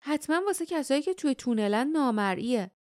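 A woman voicing a blunt, gruff grown man in a storybook. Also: sits high, lively intonation, darkish tone, no room sound, clean studio sound, pitched above the performer's own voice.

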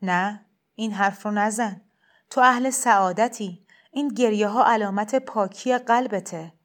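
A woman voicing a soft-spoken, coaxing male cleric. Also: medium pitch, natural voice. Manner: heavy, soft, kindly insistent. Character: gentle persuasive middle-aged male shrine cleric. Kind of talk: storybook reading.

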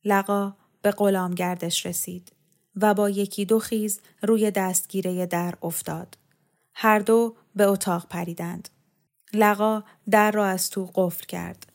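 Woman, calm measured story narration, mid pitch. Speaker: story reader. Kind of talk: scripted narration.

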